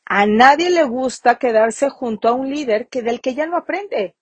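Husky-voiced woman, emphatic motivational host. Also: high voice, lively intonation, moderate pace, dry recording. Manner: emphatic, repeats phrases for stress. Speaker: podcast host. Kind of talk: motivational business podcast.

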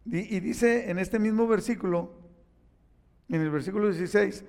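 High-voiced preacher in an echoey hall. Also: male voice, normal speed, gravelly. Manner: animated storytelling with acted-out quotes. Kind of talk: sermon.

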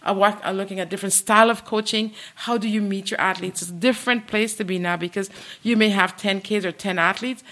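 A woman's voice: mid-range voice, fairly even intonation, fairly quick, a bit bright. A woman in her sixties with a Canadian accent, telling her story as a guest on an interview podcast with eager, repetitive enthusiasm. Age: 60s. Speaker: guest, martial arts coach.

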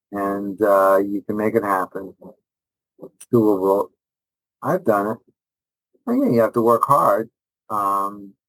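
Enthusiastic and emphatic, this middle-aged man, a rabbi who teaches, responds to interview questions in a conversational style, frequently restarting and repeating phrases. His fairly low, slightly bright voice comes through a dry, low-quality recording.

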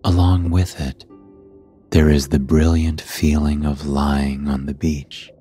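Man, sleep story narrator, extremely low voice, calm and hushed, soft music behind. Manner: calm, hushed, unhurried guiding delivery.

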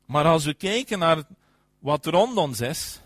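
A man preaching a sermon, emphatic, often affirming with "ja" and swinging between loud and soft. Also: on the high side, animated, unhurried, dry recording, studio quality.

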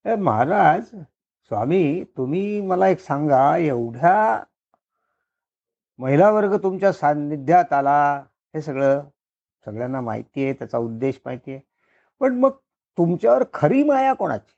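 A storyteller puts on a mischievous old sage, male and curious, who needles with coaxing questions in a high, gravelly voice. The recording sounds dull and lo-fi. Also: sing-song, measured pace, pauses often, a little mellow, exaggerated voice.

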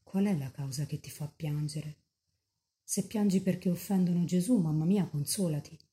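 A woman's voice: fairly low pitch, moderate pace, warm tone, natural voice. A woman reading aloud the words of a young woman mystic in rapture, pleading tenderly and fervently with Mary.

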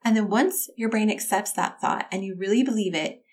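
A woman talks straight to her listeners as a life coach. Her delivery is encouraging and conversational, set at a medium pitch. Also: brisk. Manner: warm, encouraging, conversational, addresses listeners as y'all. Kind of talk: self-help talk to listeners.

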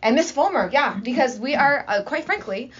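A woman's voice: sits high, expressive, normal speed. A woman who teaches drama and runs a school arts program, chatting enthusiastically in an interview with lots of restarts. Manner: enthusiastic, talkative, many restarts. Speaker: high school drama teacher and assistant principal. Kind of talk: casual interview talk. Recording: slightly muffled lo-fi recording.

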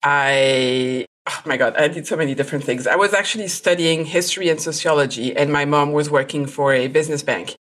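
A woman's voice: low voice, fairly bright tone. A woman from France, a photographer and podcast guest, who talks in a chatty way and laughs often. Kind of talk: podcast interview.

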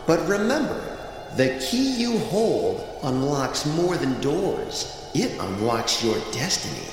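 A man voicing an ancient magical talking seashell, speaking softly in a hushed, solemn way. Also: fairly high pitch, big pitch swings, slow pace, heavy reverb, in a large hall, heavily acted.

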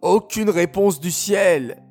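A man's voice: high voice, slow, a little mellow, soft background music, voice pushed up. A man voicing a desperate, commanding king in a children's story, with a lamenting, sing-song manner.

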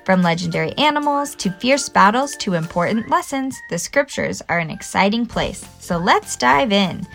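A woman podcast host telling stories to children in an animated, simple explaining way, recorded at home without a proper mic. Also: medium pitch, moderate pace, vocal fry, faint music behind. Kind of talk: scripted children's storytelling podcast.

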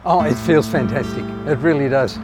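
A man's voice: medium pitch, moderate pace, music in the background. Older Australian man telling stories. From born in the Netherlands, raised in Australia. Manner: chatty, hesitant with many ums, laughs at his own stories. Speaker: climate activist, interviewee. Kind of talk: casual storytelling. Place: outdoors on a street corner.

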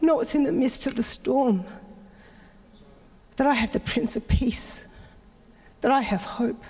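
A woman's voice: high-pitched, unhurried, a little mellow, breathy edge. A middle-aged woman pastor, preaching an emotional, confessional sermon full of repeated phrases. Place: church sanctuary. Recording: long reverb of a large hall.

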